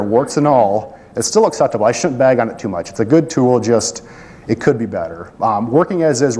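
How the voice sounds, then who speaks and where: In a conference room, a man presents a technical project and fields questions, talking casually with lots of fillers and self-deprecating asides. His voice is mid-range and a little mellow.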